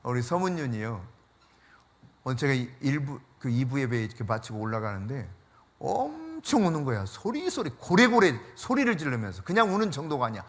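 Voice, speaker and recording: A man preaching a sermon as pastor, telling stories in an animated way with frequent laughter and dropping to a hushed voice for emphasis. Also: moderate pace. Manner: drops to a hushed low voice for emphasis.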